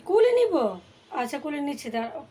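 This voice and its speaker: A woman's voice: high-pitched, sing-song, brisk, warm tone, slight background noise, poor audio. A young Bangladeshi woman with a Bangladeshi Bengali accent, chatting casually in a home cooking vlog and coaxing and teasing a small child. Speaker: home vlogger and mother. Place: at home, partly outdoors on a windy day.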